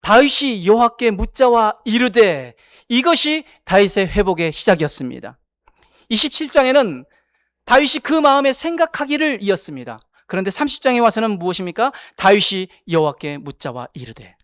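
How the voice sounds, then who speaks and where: A man's voice: high voice, big pitch swings, brisk, fairly bright tone, dry recording, studio quality. A man preaching a sermon as pastor, speaking in repeated parallel phrases and putting questions to the congregation. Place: church sanctuary.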